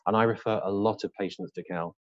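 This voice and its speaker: A middle-aged man with a lowish voice delivers a live lecture as an orthopaedic surgeon. He talks emphatically and bluntly, throwing in rhetorical questions and dry humour. The sound is dry and slightly muffled. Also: steady tone, fast talker, no echo. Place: hospital lecture room with a live audience.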